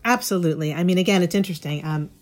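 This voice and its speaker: A middle-aged education writer, appearing as an interview guest, explains things in an articulate, thoughtful and conversational manner. Her voice is on the low side with a darkish tone, and she speaks very fast.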